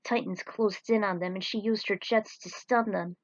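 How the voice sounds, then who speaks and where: With a mid-range voice, moderate pace, and fairly level intonation, the narrator reads her fan-fiction action tale in a dramatic, scripted style. There's no room sound, and the close-up audio comes across as dull and lo-fi.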